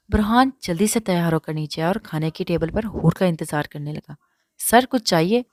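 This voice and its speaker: A woman narrating a romance novel in a steady, even reading voice. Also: on the low side, no echo, clean studio sound. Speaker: audiobook narrator.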